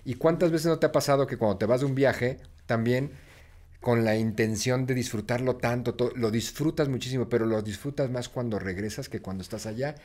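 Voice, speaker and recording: A man's voice: medium pitch, fairly quick, darkish tone. A man with a Mexican accent, a guest in a casual talk, speaking in a reflective and encouraging way and urging listeners to act. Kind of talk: casual conversation.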